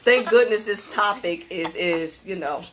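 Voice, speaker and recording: A young adult woman telling a casual story on her vlog, animated and emphatic, often breaking into laughter. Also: mid-range voice, measured pace, music in the background. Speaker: vlogger.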